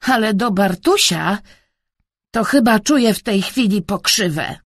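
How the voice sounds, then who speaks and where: A woman's voice: medium pitch, lively intonation, unhurried, no echo. A woman voicing a shy young man, an uncle, in an audiobook story, talking awkwardly and mumbling.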